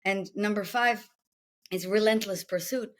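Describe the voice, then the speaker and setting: In an unhurried, medium-pitched voice, a woman with an Israeli accent talks as a guest executive coach in an interview. She walks through her method with rhetorical questions and enumerated steps.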